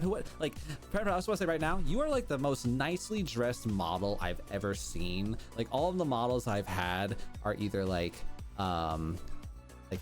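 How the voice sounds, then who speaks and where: A man hosting a podcast in casual interview chat, wordy and effusive. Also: medium pitch. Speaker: podcast host. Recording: music behind the voice. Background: background music.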